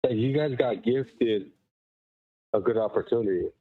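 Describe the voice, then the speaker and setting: A man's voice: mid-range voice, unhurried. A man calling into a show on his phone while power walking, sounding muffled as if through a wall, rambling and emphatic with lots of fillers. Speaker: caller. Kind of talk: casual call-in chat. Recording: muffled, tinny, dry phone line.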